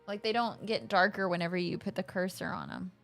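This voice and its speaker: Bright-voiced woman co-hosting a game stream. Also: fairly low pitch, fairly quick, vocal fry. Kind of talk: casual game stream chat. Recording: music behind the voice.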